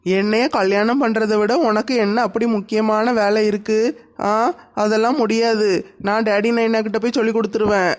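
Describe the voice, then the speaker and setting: A man voicing a whiny, clingy young bride-to-be in a cartoon, with a high, nasal whine. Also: level tone, moderate pace, close to an everyday voice. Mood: upset. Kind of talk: cartoon voice acting.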